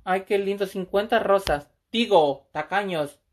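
Seated on a couch in a small indoor room, a Salvadoran woman livestreams with her phone held close, brash, flirty and freely profane. Her medium-pitched voice runs a little slow, and background noise can be heard.

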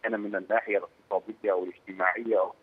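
A male political analyst calling in to a news program on a bad phone line, speaking hesitantly and pausing to search for words. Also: on the low side, little pitch movement, slight background noise. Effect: poor-quality phone line. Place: Beirut, by phone. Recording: tinny, husky phone line.

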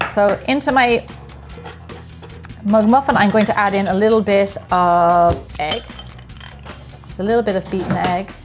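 A woman's voice: mid-range voice, steady tone, measured pace, long pauses, faint music behind. An Irish woman hosting a casual home cooking vlog, chatting upbeat as she explains each step in her kitchen. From Ireland. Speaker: baking show host.

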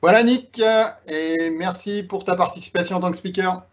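A man hosting a conference session, introducing the speaker with many fillers and pauses. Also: high voice, muffled recording.

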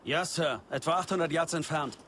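An actor playing a cocky, joking young special forces sergeant in a video game, brash and mock-formal. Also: male voice, on the high side, a little fast, close to an everyday voice. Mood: cocky, teasing. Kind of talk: dramatic video game acting. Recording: loud wind and game ambience.

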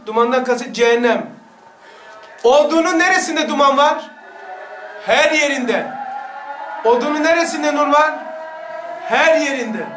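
A man's voice: very high-pitched, roomy sound, distant mic. A man teaching a religious lesson, exhorting his listeners and asking them rhetorical questions.

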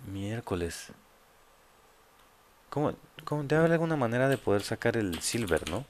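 A man's voice: medium pitch, big pitch swings, normal speed, slight background noise. Slangy Mexican gamer guy. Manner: casual, slangy, crude and joking. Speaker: gamer host. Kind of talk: let's play commentary.

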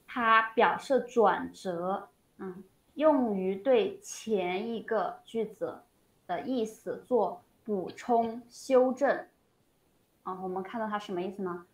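A woman teaches a language lesson in a slow, patient way, filling pauses with drawn-out sounds. Her voice sits at a middle pitch. It rings in a roomy space. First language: Chinese. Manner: patient, slow and explanatory, many drawn-out "ah" fillers. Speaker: Chinese teacher.

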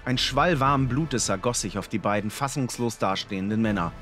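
A man narrating a fantasy audiobook in a dramatic, expressive storytelling manner. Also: mid-range voice, a little fast, faint music behind.

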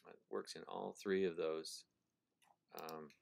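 A man explaining prose style in a recorded lecture, thinking aloud, correcting himself and slowly repeating phrases to stress their sounds. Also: low-pitched, little pitch movement, creaky. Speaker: professor.

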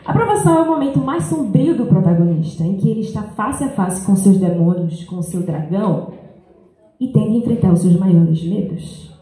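Young woman speaker, dark mellow tone, earnest and reflective, handheld mic in a big echoey school hall. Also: mid-range voice, lively intonation, normal speed. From Brazil and France. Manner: earnest, reflective, reads from paper. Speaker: speaker giving a school talk. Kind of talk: reading a personal talk aloud. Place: large school hall, indoors.

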